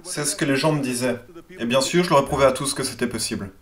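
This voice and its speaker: A voice-over translator, a man with a medium-pitched voice, speaks fast as he reads a first-person motivational speech for a dub. His delivery is earnest and emphatic.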